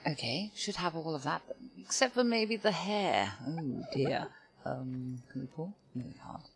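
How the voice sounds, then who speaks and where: Low-pitched and breathy, the older woman hosting this gaming video is very animated yet speaks at a measured pace. As game music plays, she chats casually to the creatures in her game, exclaiming and sighing often during her let's-play commentary.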